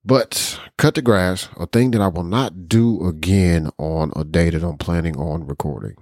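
A laid-back man co-hosts a tech podcast and rambles about his day. His voice is very low. The recording is dry and close. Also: normal speed, darkish tone, dry recording. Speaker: podcast co-host. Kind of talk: casual chat.

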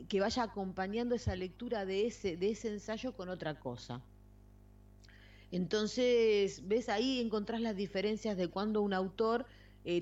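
A woman with an Argentine accent co-hosts a podcast, chatting casually about books. Her voice is medium in pitch and a little mellow, and the lo-fi audio is slightly muffled.

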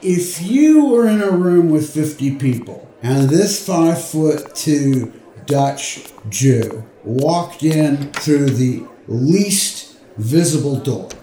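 A man telling stories about his father in an expressive, personal way, with soft music behind him. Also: fairly high pitch, slow pace, reverberant, slight background noise. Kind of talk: personal storytelling.

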